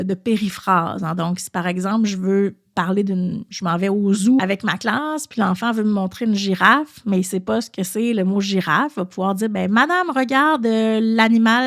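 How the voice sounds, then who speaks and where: A woman's voice: mid-range voice, gravelly. A woman with a Québécois French accent, a podcast host and French teacher, explaining at an easy pace and thinking aloud with frequent hesitations.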